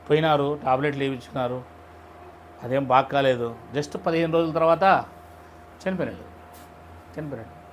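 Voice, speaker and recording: A man's voice: medium pitch, a little hiss or hum. A man preaching in a conversational style, putting rhetorical questions to his listeners and retelling stories in plain speech. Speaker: preacher leading a Bible study. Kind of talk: conversational sermon.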